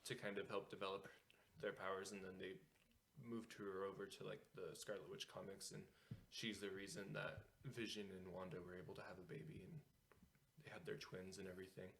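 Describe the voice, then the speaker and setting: Low-voiced man explaining comic lore. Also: little pitch movement, fairly quick, creaky, fairly bright tone, slight background noise. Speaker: podcast co-host. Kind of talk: casual chat.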